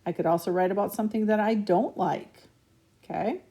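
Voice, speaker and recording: Warm, gravelly-voiced woman teacher. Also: medium pitch, fairly quick. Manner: patient, checks in with frequent "okay?". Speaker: elementary school teacher. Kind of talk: recorded remote lesson over slides.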